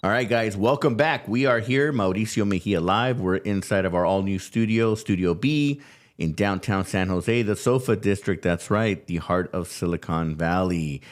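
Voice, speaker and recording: Low-voiced upbeat male podcast host. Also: moderate pace. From California, USA. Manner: upbeat, loose, lots of fillers and restarts. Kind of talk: casual interview chat. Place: studio.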